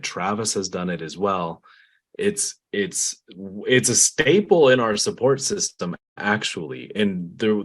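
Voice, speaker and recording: A lower-voiced man co-hosting a podcast. He tells his story in a loose, conversational way and keeps affirming with steady yeahs. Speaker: podcast co-host. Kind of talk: casual podcast chat.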